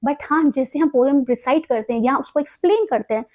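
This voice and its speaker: A woman with a high voice gives a recorded lesson on poetry. She switches between Hindi and English as she explains, and she slows right down to stretch each syllable when she reads out verse. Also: a little mellow. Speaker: teacher.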